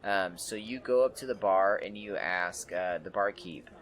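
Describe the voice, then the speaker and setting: Relaxed male game master, loose narration with lots of ums. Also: deep voice, moderate pace. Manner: relaxed, filler-heavy.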